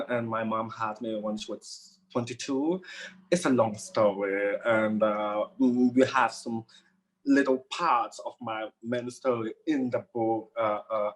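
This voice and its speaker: A man's voice: mid-range voice, poor audio. Hesitant man from Cameroon, author guest. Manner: hesitant, many fillers and restarts, laughs easily. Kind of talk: conversational interview answers.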